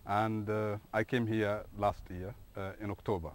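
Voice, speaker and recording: A man's voice: on the low side, flat delivery, moderate pace. A middle-aged man from Sudan, an assistant professor, answering interview questions in a hesitant way with many fillers and restarts.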